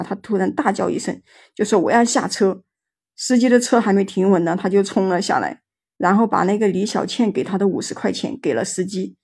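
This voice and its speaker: A woman storyteller host narrating a ghost story in a chatty, relaxed way with many filler words. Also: mid-range voice, vocal fry, husky.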